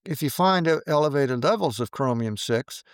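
Halting male expert, dry sound. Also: a little high, animated, clear, resonant tone, dry recording. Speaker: expert interviewee. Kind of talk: explanatory interview talk.

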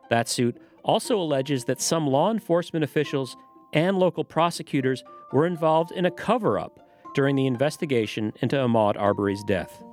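A man hosting a public radio news podcast, asking interview questions and reading the news in a measured, even way. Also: medium pitch. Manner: measured, even newsreader delivery.

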